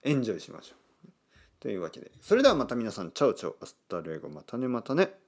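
A man hosting a casual solo podcast, talking slowly and clearly with many fillers. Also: medium pitch. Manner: animated, acts out quoted voices. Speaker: podcast host.

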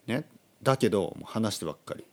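A man hosting a casual podcast monologue for learners, speaking slowly and clearly, repeating himself and explaining words simply. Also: on the low side, animated. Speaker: podcast host for Japanese learners.

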